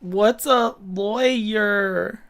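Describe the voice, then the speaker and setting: A man's voice: very slow, gravelly, a bit bright, slight background noise, exaggerated voice. A man voicing a crying, lost eight-year-old boy who pleads for help finding his parents. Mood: innocent. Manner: high, whimpering childlike pleading.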